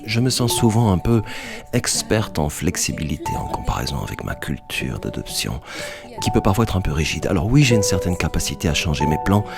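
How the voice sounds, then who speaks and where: A man giving a measured scripted reading of a text. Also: rumbling low, vocal fry. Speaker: podcast host. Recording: voice over music.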